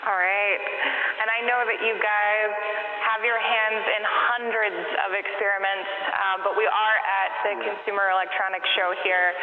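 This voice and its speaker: A woman interviewing guests at a live event. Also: mid-range voice. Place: large convention event hall. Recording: echoey hall over thin phone-like link.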